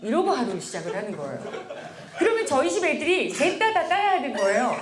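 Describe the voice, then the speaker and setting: Lively high-voiced woman lecturer. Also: fast talker, crowd noise. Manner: animated, playful, addresses audience directly. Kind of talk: motivational lecture. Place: lecture hall with soldiers. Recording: echoey lecture hall.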